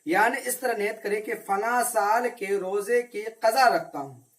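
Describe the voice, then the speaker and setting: In a high, slightly bright voice, a religious teacher takes children through an Arabic reading lesson. He quizzes the class but answers for them, patiently repeating in slow drills.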